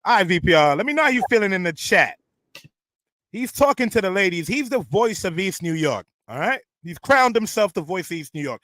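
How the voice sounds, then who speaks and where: A man hosts a radio interview, talking straight to his audience in the chat and then turning to his guest with questions. His voice sits slightly high for a man. The sound is dry and close to the mic. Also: very animated, brisk, bright, forceful tone, dry recording. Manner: addresses the chat audience directly. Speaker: radio host.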